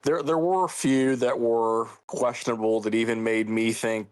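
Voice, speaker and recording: A middle-aged man from the United States co-hosting a casual podcast, speaking earnestly and measured, often restarting his sentences. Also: mid-range voice, fairly even intonation, smooth. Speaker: podcast co-host.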